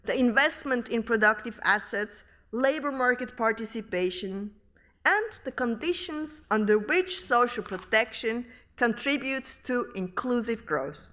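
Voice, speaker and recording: A middle-aged woman from Switzerland, giving a formal academic lecture at a podium microphone in a large hall, reading in a measured, deliberate way. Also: fairly high pitch, lively intonation, bright, forceful tone. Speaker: professor giving inaugural lecture.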